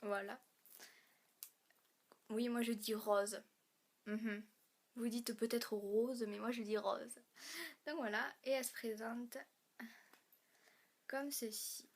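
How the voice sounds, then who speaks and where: A young woman from France, chatting through a beauty haul vlog, halting with fillers and restarts, a little hoarse and clearing her throat as she loses her voice. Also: on the high side, fairly even intonation. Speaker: beauty vlogger.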